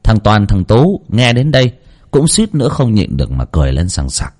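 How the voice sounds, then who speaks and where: A man narrating a horror story audiobook in a dramatic, expressive storytelling manner. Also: on the low side, normal speed.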